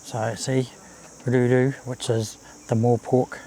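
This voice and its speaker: A man gives casual, unhurried commentary on a nature walk, outdoors by a babbling creek. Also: medium pitch, flat delivery, creaky, mellow. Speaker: walking vlog host. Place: outdoors on a bush walkway and swing bridge by a creek. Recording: outdoor ambience, faint insect noise. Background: cicadas, birds, babbling creek.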